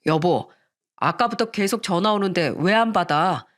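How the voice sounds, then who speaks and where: A woman voicing a worried young husband in a radio story reading, asking slow, concerned questions. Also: fairly low pitch, animated, lightly acted.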